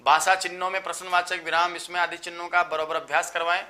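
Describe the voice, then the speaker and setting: A man, tired after just waking up, teaching a live online exam-prep lecture and listing terms in quick runs. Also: high-pitched, flat delivery, bright, forceful tone. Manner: explanatory, lists terms in quick runs, addresses students as sir.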